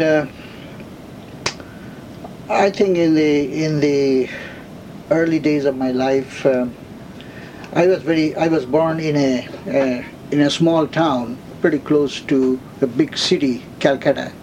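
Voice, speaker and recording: Older man from India, slow halting telling. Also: on the high side, fairly even intonation, darkish tone, lo-fi sound, a little hiss or hum. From India, West Bengal. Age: 70s. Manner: slow, halting storytelling with many fillers. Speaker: interviewee. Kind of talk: oral history interview.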